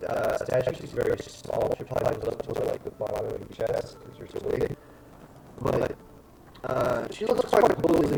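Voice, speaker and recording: Guy game mastering, gravelly, lots of uhs, noisy background. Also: medium pitch, mellow. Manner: rambling, hesitant with many fillers. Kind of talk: narrating a tabletop game.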